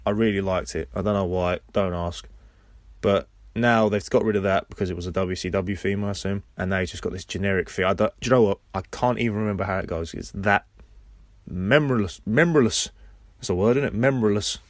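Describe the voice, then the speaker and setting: Low-voiced man rambling through a wrestling recap. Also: fairly quick, no room sound, studio quality. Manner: rambling play-by-play with personal asides. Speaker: podcast host. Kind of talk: casual wrestling episode recap.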